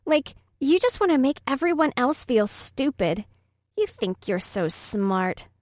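Bratty schoolgirl bully, drawly valley-girl talk, high voice, woman doing it, dry close sound. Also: sing-song, a little slow, a little mellow, no room sound. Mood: sneering.

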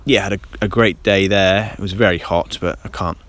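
A man's voice: deep voice, fairly even intonation, normal speed, a bit bright. A man hosting a casual solo podcast, rambling with many ums and restarts, recorded on a handheld dictaphone in a damp garden in light rain. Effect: handheld dictaphone recording outdoors. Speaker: podcast host. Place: damp garden outdoors in light rain, then a covered shelter.

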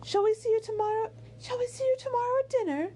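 Woman voicing a genteel older mother, high airy voice, courteous, period storybook. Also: fast talker, warm tone. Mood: gracious.

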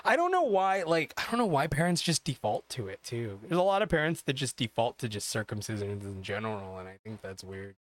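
A man in his thirties co-hosting a podcast, chatting casually, blunt and animated, swearing freely. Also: mid-range voice, a little fast, hardly any pauses. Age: 30s. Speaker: podcast co-host. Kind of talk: casual chat.

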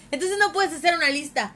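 A woman's voice: extremely high pitch, pushed and bright, a little hiss or hum. A woman with a Mexican Spanish accent, co-hosting a casual chat with teasing remarks. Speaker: podcast co-host.

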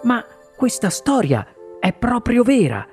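A curious, wide-eyed little boy , as the audiobook reader puts him on, eagerly firing off questions. The voice lifts above the reader's own and swings lively through each question, with faint music underneath. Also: medium pitch, unhurried, pitched above the performer's own voice. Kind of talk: audiobook character voice.

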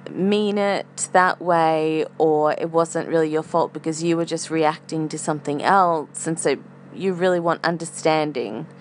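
A woman podcast host thinking aloud in a casual, reflective monologue, with some hesitancy as she feels for words. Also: low voice. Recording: faint air conditioner hum. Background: humming air conditioner.

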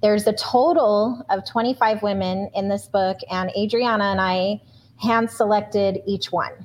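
A woman with a steady, medium-pitched voice speaks unhurriedly on a rough recording. Co-hosting a podcast interview, she talks effusively and rambles, often restarting her sentences.

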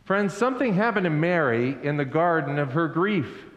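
Male pastor, slow deliberate sermon, lively rising and falling voice, long church reverb. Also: fairly high pitch, lo-fi sound. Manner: slow, deliberate preaching that invites the congregation to repeat lines. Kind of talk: Easter sermon. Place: church sanctuary. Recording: echoey hall with long reverb.

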